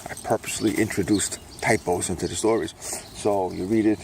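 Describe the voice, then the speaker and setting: An older man from Brooklyn rambling casually on a morning dog walk, pitching his own books with self-mocking salesman patter and a repeated catchphrase. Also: fairly even intonation, fairly quick, gravelly, a little mellow, slight background noise. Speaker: self-published author promoting his books. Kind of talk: casual rambling vlog while walking a dog.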